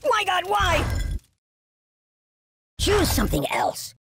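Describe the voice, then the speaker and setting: A woman's voice: extremely high pitch, wildly swooping pitch, slow, noisy background, exaggerated voice. A woman voicing a cheeky, whiny male ragdoll toy in a game, yelping, pleading and cracking quips in short bursts. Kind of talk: game character voice lines. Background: game music.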